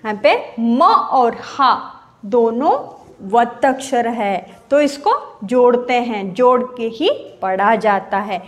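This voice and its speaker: A woman's voice: fairly high pitch, animated, slow pace. A woman teacher giving a grade-school grammar lesson, spelling words out syllable by syllable and repeating each one drawn out.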